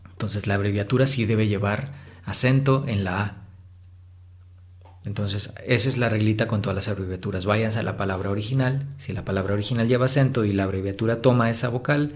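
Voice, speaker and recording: A man tutor teaching a recorded lesson, stretching out words to show stressed syllables, with frequent fillers. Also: on the low side.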